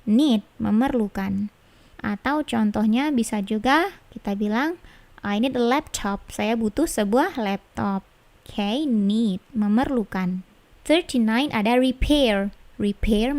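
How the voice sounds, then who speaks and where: Slow, careful Indonesian woman teacher. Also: fairly high pitch, darkish tone, dry recording. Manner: slow, drills each word twice, stresses pronunciation. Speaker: English teacher. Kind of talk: English vocabulary lesson in Indonesian.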